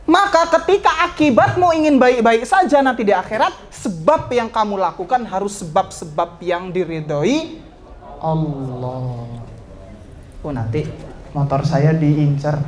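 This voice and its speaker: A man, an ustadz giving a lively religious talk to students, swinging between raised exhortation and soft joking asides. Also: high voice, measured pace.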